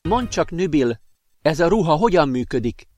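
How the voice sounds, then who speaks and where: A man voicing a curious young woman from Earth in a read-aloud story, speaking thoughtfully and quietly. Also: on the high side, very animated, no echo, studio quality, pitched above the performer's own voice.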